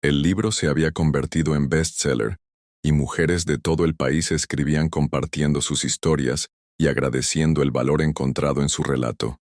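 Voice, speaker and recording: A man narrates a sentimental story in a measured, solemn manner. His voice sits extremely low. The recording is dry and close. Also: steady tone, a little mellow, dry recording.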